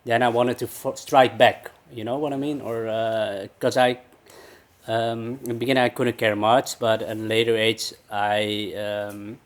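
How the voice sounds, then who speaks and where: A man in his thirties, born in the Netherlands, answering interview questions hesitantly with many pauses. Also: lowish voice. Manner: hesitant, many fillers, flat delivery. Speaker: guest, personal trainer. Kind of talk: casual interview.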